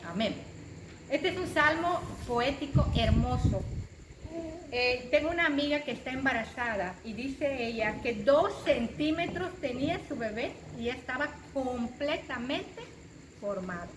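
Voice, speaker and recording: A woman's voice: high voice, expressive, unhurried. A woman preacher, giving an emphatic sermon and repeating phrases for stress. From Mexico. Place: church hall. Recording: echoey church room with background noise.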